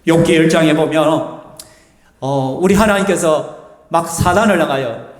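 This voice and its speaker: A man's voice: on the high side, a little slow. A male pastor with a Gyeongsang Korean accent preaching a sermon in a church, chatty and often asking the congregation questions. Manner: lively, conversational, asks the congregation questions. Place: church sanctuary. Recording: reverberant church hall.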